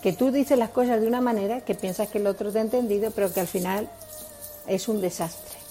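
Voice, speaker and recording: A woman's voice: medium pitch, fairly even intonation, fairly quick, warm tone, faint music behind. A woman with a Spain Spanish accent preaching a sermon on marriage, earnest and explanatory, often asking rhetorical questions.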